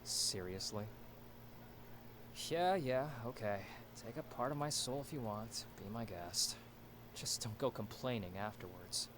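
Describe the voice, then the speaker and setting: A man's voice: lowish voice, a little slow, background noise, lightly acted. Curt, proud young soldier played by a man. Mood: sarcastic. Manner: curt, sarcastic, dismissive. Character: proud, impatient, skeptical young male soldier. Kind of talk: dramatic game voice acting.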